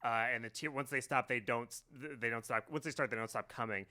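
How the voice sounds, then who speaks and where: Quick joking game master man. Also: mid-range voice, pushed and bright. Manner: fast, joking narration with swearing. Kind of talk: narrating a tabletop game.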